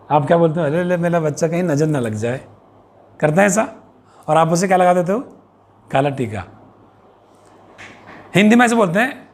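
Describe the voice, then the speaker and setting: A man with an Indian accent teaching English phrases to children and parents, repeating each one slowly and asking the viewer questions. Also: high-pitched. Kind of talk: bilingual vocabulary lesson for young children and parents.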